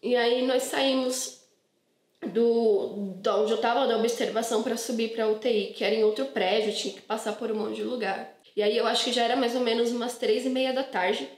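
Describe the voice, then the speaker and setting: A woman's voice: on the high side, fairly even intonation, moderate pace. A woman with a Brazilian Portuguese accent telling her personal testimony to viewers in an earnest, emotional, casual way, often repeating words. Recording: echoey room.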